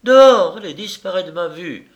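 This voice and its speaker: A man's voice: a little high, expressive, measured pace, a bit bright, pitched above the performer's own voice. A man voicing a proud, fiery young kept woman who speaks in fierce, cutting words. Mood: furious.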